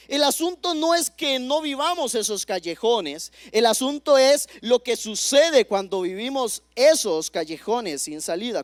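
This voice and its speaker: A young man preaching a sermon, emphatic, swinging from near-shouts down to quiet, low lines. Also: no room sound.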